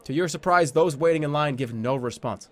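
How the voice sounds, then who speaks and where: A man's voice: on the high side, brisk, a bit bright, slight background noise. A man streaming a game, reading the story text aloud as narration and dropping informal, offhand commentary. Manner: informal, switches between dramatic reading and offhand asides.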